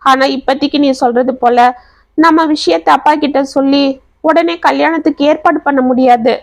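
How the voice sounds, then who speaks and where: A woman's voice: high voice, moderate pace, creaky, no room sound. A woman voicing an earnest, anxious young man who is a devoted son. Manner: earnest and pleading.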